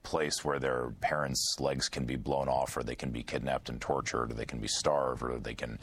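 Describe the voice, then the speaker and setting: A man's voice: very deep voice, fairly even intonation, normal speed, fairly bright tone. A man, a trauma surgeon, answering interview questions earnestly, with many fillers and restarts. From United States.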